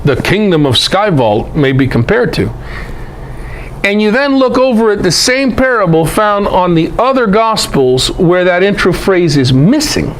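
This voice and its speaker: A man with a high voice gives an informal, irreverent scripture lecture as a Bible teacher, speaking emphatically and often asking his listeners rhetorical questions. The recording is rough, with a little hiss or hum.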